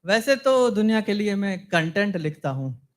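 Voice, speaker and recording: A man's voice: high-pitched, sing-song, moderate pace. A man playing a talkative young content writer on a date in a scripted comedy sketch, preachy and fawning.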